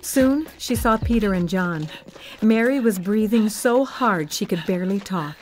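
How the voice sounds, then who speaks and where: Slow, gentle woman reading a children's story. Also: mid-range voice, lively intonation, soft background music. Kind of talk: scripted storybook narration.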